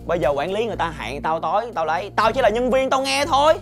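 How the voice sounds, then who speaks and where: A man's voice: sits high, fast. A young man, playing a hard-up student who defends himself in a quarrel, with music underneath. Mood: defensive. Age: young adult. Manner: pleading, then heated and shouting. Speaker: student and part-time worker. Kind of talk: web sitcom acting.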